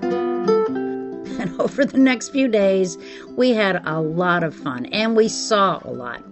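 A woman's voice: medium pitch, lively intonation, slow, over music. A middle-aged woman hosting a podcast, telling a scripted personal story. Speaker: podcast host.

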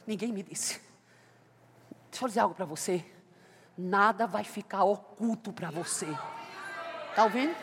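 A woman preacher, giving a sermon full of personal testimony that swings between loud exclamations and hushed storytelling. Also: mid-range voice, normal speed, long pauses, background noise. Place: church. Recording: church hall reverb.

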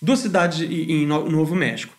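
Male musician guest, high-pitched, lively and slangy as he tells stories. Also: normal speed. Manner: animated, slangy, swears freely. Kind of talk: casual podcast storytelling.

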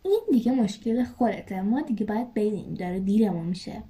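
A woman's voice: medium pitch, expressive, mellow, natural voice. A woman voicing an impatient, hot-tempered schoolboy in a read-aloud story. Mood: irritated. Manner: snappy, irritated.

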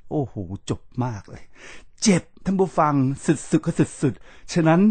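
An earnest, emphatic man who talks straight to his listeners in a reflective monologue. His voice sits a little high for a man, and the sound is dry and close, with no room around it. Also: unhurried, husky, no room sound. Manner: earnest, emphatic storyteller who often addresses the listeners directly. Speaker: podcast host.

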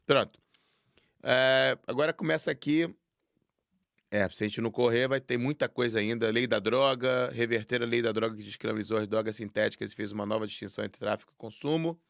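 A man's voice: mid-range voice, brisk, gravelly, fairly bright tone, dry recording, studio quality. A man with a Brazilian Portuguese accent co-hosting a casual live discussion, reading items aloud with hesitant fillers. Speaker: co-host.

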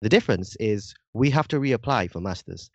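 A young man from Indonesia, a university student appearing on a podcast, talks through ideas earnestly in a casual interview and keeps adding "like" and "right?". His accent leans slightly British. His lowish voice is fairly quick with lively intonation, on a dry, lo-fi recording.

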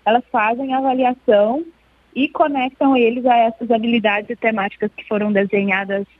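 A woman guest in an interview, explaining at length in a measured way with frequent hesitations. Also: on the high side, fairly even intonation, slightly rough, no echo. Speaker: interview guest, children's book club representative. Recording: thin phone-line sound.

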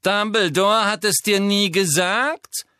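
A cold, sneering aristocratic wizard villain, as a male narrator puts him on, with a slow, menacing drawl. The voice sits well above the reader's own pitch and pushes louder. It is recorded dry and close. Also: steady tone, clean tone, no echo, heavily acted.

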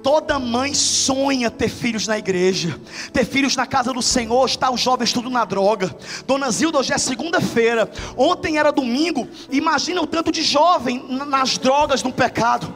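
A man's voice: very high voice, normal speed, a bit bright. A male preacher voicing a kind, devout female bank manager who soothes and earnestly persuades. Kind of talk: acted quotes in a sermon. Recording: reverberant hall with faint music.

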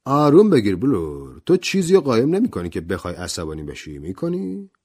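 A man's voice: fairly low pitch, wildly swooping pitch, darkish tone, breathy edge, voice pushed up, full character voice. A man voicing a cocky, sardonic adventurer who talks in a mocking, provocative way.

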